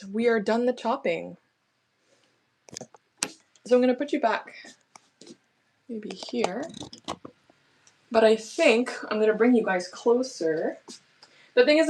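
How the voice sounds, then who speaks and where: A woman's voice: a little high, a little hiss or hum. Woman, rambling cooking chat, home kitchen, tripod camera, clicking and clatter behind her. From Canada. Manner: chatty, rambling, self-correcting. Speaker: cooking streamer. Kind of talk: casual chat while cooking.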